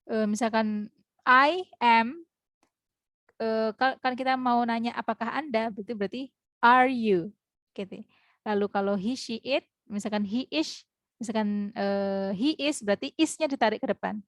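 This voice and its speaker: Woman teacher, slightly high voice. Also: a bit bright, dry recording, clean studio sound. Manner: explains slowly, models English phrases. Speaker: English teacher. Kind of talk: online class lesson.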